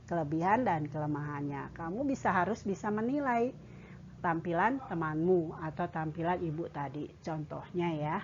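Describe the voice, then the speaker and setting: A woman's voice: lowish voice, moderate pace, darkish tone, highs cut off, slight background noise. A woman primary school teacher, patiently explaining words and repeating herself as she teaches. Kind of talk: online classroom lesson.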